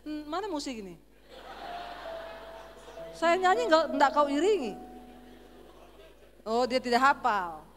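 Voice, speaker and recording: A woman pastor from Sulawesi with a Sulawesi accent, preaching a sermon with humorous, animated storytelling. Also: high-pitched, slow pace, pauses often. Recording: echoey church hall with faint music.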